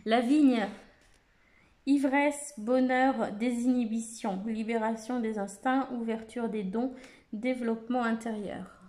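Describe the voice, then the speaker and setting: A woman's voice: a little high, fairly even intonation, slow pace, darkish tone. Hesitant French woman presenting oracle cards. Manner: reads keyword lists, many hesitations. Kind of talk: casual card deck walkthrough.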